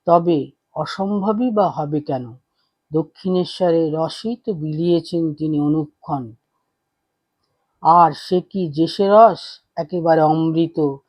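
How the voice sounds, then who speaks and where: A man narrating a devotional story in a measured, reverent way. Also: fairly high pitch, no room sound, muffled recording.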